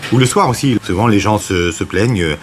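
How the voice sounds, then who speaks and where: A man interviewing a local business owner, asking friendly questions with some halting starts. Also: lowish voice, noisy background.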